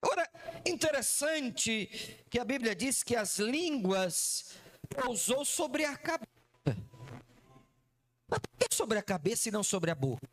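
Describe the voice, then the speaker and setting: A man's voice: very high-pitched, very animated, measured pace, long pauses, fairly bright tone. A man with a Brazilian accent preaching a sermon to a live church congregation, theatrical and full of questions to his listeners. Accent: Brazilian Portuguese. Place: church service before a congregation.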